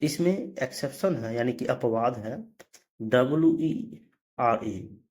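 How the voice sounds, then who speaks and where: A man teaching English pronunciation spells words out letter by letter and then says them, correcting himself now and then mid-lesson. His voice is medium-pitched and darkish in tone, and he takes it slowly in this explanatory lesson.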